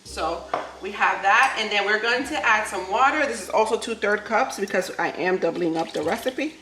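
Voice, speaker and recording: A New York City woman in her thirties, Spanish being her native tongue, vlogs casually from her home kitchen as food fries, laughing often and speaking to "y'all" in a New York accent with a Southern lilt. Her mid-range voice is pushed and bright at normal speed, reverberant, with slight background noise and poor audio.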